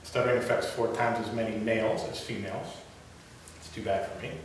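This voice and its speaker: Speaking a little fast in a lowish voice with fairly even intonation, this young club speaker gives a prepared talk to his audience in a meeting room, occasionally stumbling and starting over. It was captured from far away in an echoey room, and hiss can be heard.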